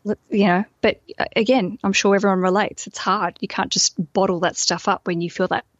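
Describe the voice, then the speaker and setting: A woman with an Australian accent, a podcast guest talking in a lively, jokey, self-mocking way. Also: medium pitch, a little fast, no echo, lo-fi sound. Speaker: guest, online business owner. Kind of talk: casual podcast conversation.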